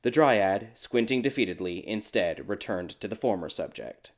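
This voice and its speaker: A man narrating a dark fairy tale in a measured, even storytelling manner. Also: lowish voice.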